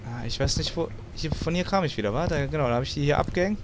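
A man's voice: fairly high pitch, quick pace, background noise. A young man, commenting on a horror game with sarcastic, swearing remarks and English words mixed in. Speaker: let's play gamer.

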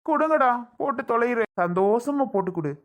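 A woman's voice: a little high, animated, a little fast. A woman playing a desperate young man who is tied up and begs to be freed, in quarrelsome slangy speech. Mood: defiant. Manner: pleading and quarrelsome, rough slangy talk. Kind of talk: family skit acting.

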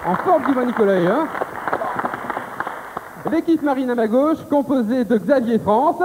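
On a TV studio set, a man in his thirties hosts a game show, quizzing contestants in a chatty, upbeat way through a handheld mic. His voice is very high-pitched with lively intonation and a slightly slow pace, and the studio sounds reverberant with faint tape hiss.

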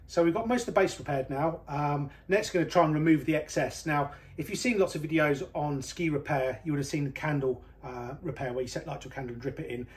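A middle-aged man from Britain, a ski technician, talking through a hands-on repair in a small workshop in a practical, relaxed way with some fillers. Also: fairly high pitch, fast talker, hardly any pauses.

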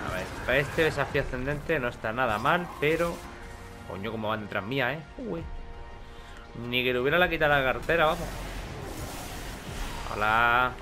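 A man giving chatty, excitable gameplay commentary with casual swearing. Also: mid-range voice, normal speed, long pauses, over music. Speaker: gaming video host.

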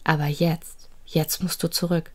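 A woman voicing a cheerful, wise male storyteller in an audio storybook, speaking in a gentle, measured way. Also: low voice, flat delivery. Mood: kindly.

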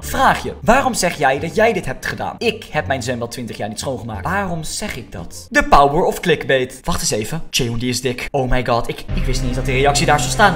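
Young man, late teens, jokey and sarcastic, fairly high voice, soft background music. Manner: jokey, sarcastic, self-mocking. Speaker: YouTuber reading viewer comments. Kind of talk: casual joking commentary.

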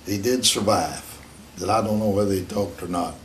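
An elderly American man, a war veteran remembering in an unscripted interview, speaking in a halting, plain-spoken, matter-of-fact way. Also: low voice, fairly even intonation, a little hiss or hum.

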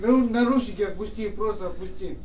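A man's voice: sits high, brisk, darkish tone, a little hiss or hum. A drunk, agitated man in custody, talking in a slurred, swearing way. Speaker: detained man. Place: indoor metro service room. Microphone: camera held by a bystander across the room. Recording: echoey room from far off.

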